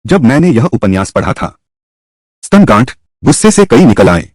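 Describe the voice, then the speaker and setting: A man narrating a dubbed drama in a storytelling recap style. His voice is husky and his intonation lively, recorded dry and close. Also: mid-range voice, normal speed, no echo.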